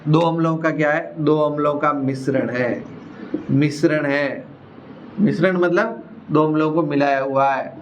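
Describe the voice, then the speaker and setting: Male science teacher, higher-pitched, casual lecturing, quizzes with repetition; light noise under the voice. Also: steady tone, unhurried, dull audio. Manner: repeats key terms, quizzes students with rhetorical questions; casual, addresses listeners as brother. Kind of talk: classroom lecture.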